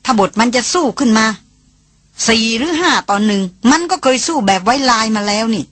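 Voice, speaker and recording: A woman's voice: fairly high pitch, animated, a little fast, fairly bright tone, no room sound. A woman voicing a headstrong young woman who scolds and speaks with sarcasm in an audiobook. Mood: explaining. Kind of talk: audiobook character reading.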